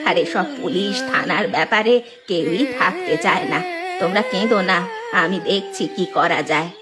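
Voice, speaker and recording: A woman voicing a kindly old village woman who speaks in a gentle, soothing, motherly way. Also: medium pitch, moderate pace, a loud crowd, natural voice. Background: background music.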